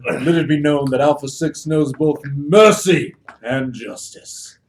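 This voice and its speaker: A man's voice: on the high side, a little slow. A man voicing a showy, honor-bound adventurer in a tabletop game, speaking formally and grandly. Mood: proclaiming. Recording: noisy, echoey room, distant mic.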